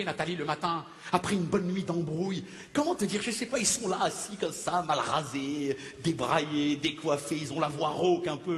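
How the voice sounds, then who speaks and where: A male comedian performing a stand-up monologue in a high voice, chatty and wheedling. A long hall reverb hangs on his voice, with faint noise underneath. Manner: chatty, wheedling address to an unseen wife.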